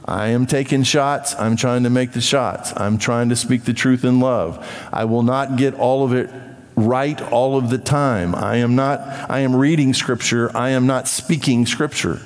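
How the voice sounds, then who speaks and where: A man preaching a church sermon as pastor, emphatic and animated, with offhand asides. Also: medium pitch, measured pace, long reverb tail. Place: church sanctuary.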